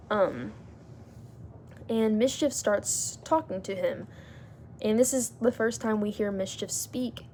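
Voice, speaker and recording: A woman's voice: medium pitch, dark tone, a little hiss or hum. A woman talking to her vlog audience in an earnest, reflective, rambling way. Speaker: vlogger. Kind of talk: casual vlog monologue.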